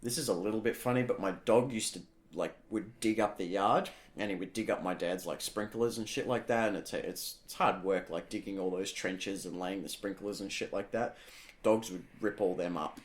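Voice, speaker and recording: Chatty low-voiced man telling stories. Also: moderate pace. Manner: animated storytelling, swears freely. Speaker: podcast co-host. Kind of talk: casual chat.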